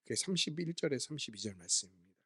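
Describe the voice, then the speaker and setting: A man's voice: mid-range voice, very animated, fast talker, fairly bright tone, slightly rough. A man preaching a sermon as pastor, asking his listeners questions and answering them himself while explaining words from the Greek Bible.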